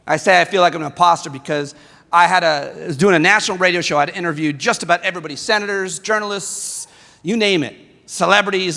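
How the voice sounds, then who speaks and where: Impassioned high-voiced man rallying a hall. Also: vocal fry, bright, forceful tone. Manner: impassioned, repetitive rallying cadence. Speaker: guest speaker. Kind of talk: rally speech at convention. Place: large convention hall. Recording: echoey convention hall with crowd.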